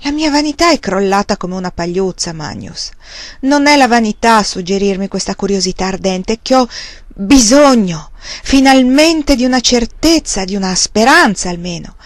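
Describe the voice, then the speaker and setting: A woman's voice: mid-range voice, lively intonation, moderate pace, no echo, natural voice. A woman reading the lines of a cynical, tormented young man who presses with bitter irony, in a dry close recording. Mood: urgent.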